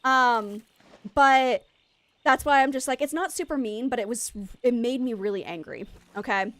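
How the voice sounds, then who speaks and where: A woman's voice: on the high side, normal speed, fairly bright tone. A woman from Maine streaming a game, chatting in a rambling way with her viewers and laughing often. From Maine, USA. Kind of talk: casual chat while streaming a game.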